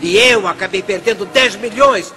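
An actor playing an angry, scornful fight promoter in a Brazilian dubbed film drama. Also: male voice, high-pitched, moderate pace, pushed and bright. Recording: film soundtrack with music behind.

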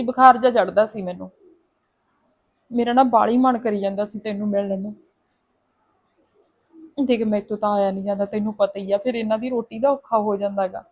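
A woman's voice: mid-range voice, natural voice. An actress playing a married daughter coaxing her mother to visit, on the phone.

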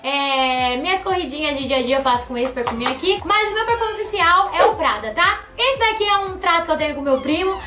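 A young woman vlogger opens gifts at home, chatting playfully with her viewers in a casual video. Her voice is very high and animated, fairly quick, with hardly any pauses, and the room is echoey with music playing.

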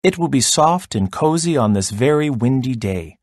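A man doing big loud silly Missus Bird. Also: medium pitch, lively intonation, moderate pace, no echo, clean studio sound, natural voice. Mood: chatty.

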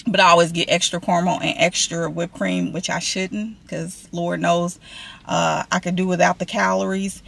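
A woman's voice: fairly low pitch, steady tone, normal speed, creaky, a bit bright. A woman, chatting casually to viewers from a parked car, rambling and calling them y'all. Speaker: vlogger. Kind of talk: casual vlog chat. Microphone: camera on dashboard.

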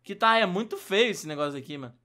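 High, fast frantic Brazilian gamer guy. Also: animated. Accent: Brazilian Portuguese. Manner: frantic, shouting during fights. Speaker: gaming YouTuber host. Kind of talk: excited Minecraft let's-play chatter.

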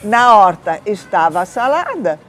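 An older woman, an author born in Africa to an Italian family, giving lively and thoughtful interview answers outdoors in a garden. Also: mid-range voice, unhurried, soft background music. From born in Africa, of Italian culture, living in Brazil. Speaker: guest, writer.

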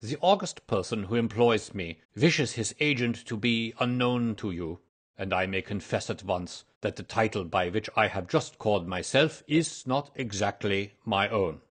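A man playing a pompous, husky Bohemian king. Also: lowish voice, lively intonation, moderate pace, fairly bright tone. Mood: grave, formal. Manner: formal, pompous, emphatic. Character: proud, agitated, aristocratic Bohemian king in disguise.

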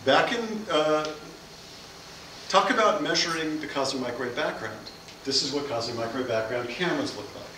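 A middle-aged man gives a physics talk at a science cafe, his voice a little high and sharp in tone at a moderate pace. He teaches by posing questions and answering them. The seminar room with its projector screen is echoey, and the distant camera mic yields noisy audio.

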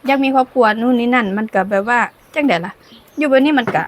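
Her niece holds the camera as this woman from Laos cooks outdoors under the sun and chats away in a Lao accent. She laughs often, her voice high and her pace quick.

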